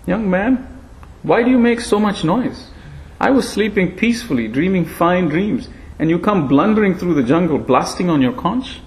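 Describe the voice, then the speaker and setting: A man's voice: high voice, animated, normal speed, pitched above the performer's own voice. A man voicing a frail, ancient male monkey who talks in a shrewd, rambling way in a storybook reading. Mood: chiding. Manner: rambling, gently scolding. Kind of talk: storybook narration.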